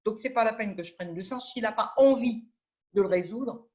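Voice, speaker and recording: A woman sharing a management anecdote in a remote meeting discussion, talking in a brisk, assertive way. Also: on the high side, a little mellow. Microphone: video call.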